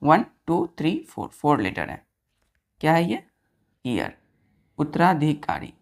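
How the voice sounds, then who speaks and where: Her voice is deep with vocal fry, swinging widely in pitch at a measured pace. She is teaching grammar, spelling out words one letter at a time, repeating the answers and constantly making sure the students follow.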